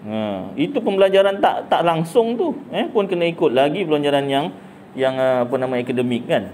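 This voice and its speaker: Speaking fairly quickly in a slightly high, a little mellow voice, a middle-aged religious teacher with a Malaysian Malay accent gives a relaxed, humorous talk. He asks questions and answers them himself, with a little hiss or hum in the recording.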